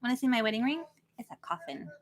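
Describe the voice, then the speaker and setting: A woman's voice: on the high side, animated, quick pace. A woman in her late thirties co-hosting a livestream, chatting in a rambling, casual way and reading out viewer names. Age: late 30s. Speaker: co-host of a horror watch-party stream.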